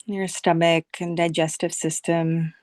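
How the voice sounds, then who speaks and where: Guiding a visualization meditation as a teacher, a woman speaks in short, soothing phrases with long, unhurried pauses between them. Her voice is lowish with a darkish tone and a flat delivery, and the recording is dry.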